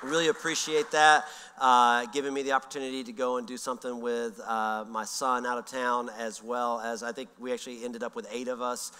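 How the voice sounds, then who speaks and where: A man, telling a story in a relaxed, rambling way full of fillers. His voice is bright and crisp. It carries a long reverb from a large church hall. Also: mid-range voice, a little fast. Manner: folksy, rambling with frequent fillers. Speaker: pastor. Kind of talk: sermon with personal story. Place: church sanctuary.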